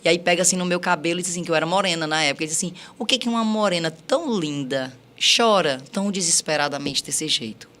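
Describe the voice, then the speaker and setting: A woman's voice: on the low side, lively intonation, fast talker, few pauses, a bit bright. A woman on a podcast recounting her life story, acting out quoted dialogue with many repeats.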